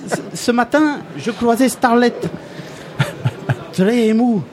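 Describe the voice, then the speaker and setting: A man's voice: very high-pitched, slow pace, background noise, voice pushed up. A man voicing a cheerful, naive male refugee from a made-up Balkan country, with a put-on foreign accent and broken French grammar in a comic radio sketch. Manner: broken French, dropped verbs and articles.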